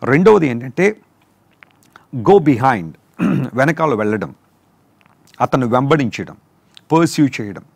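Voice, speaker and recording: A man preaching a sermon, explaining terms slowly and repeating each word. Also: medium pitch, big pitch swings, creaky, darkish tone, no echo. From India. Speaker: pastor. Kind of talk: sermon teaching on word meanings.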